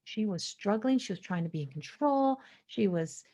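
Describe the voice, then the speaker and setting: A woman in her forties hosts a podcast, speaking slowly and introspectively on spiritual themes at medium pitch with lively intonation, sometimes lowering her voice to a hushed whisper.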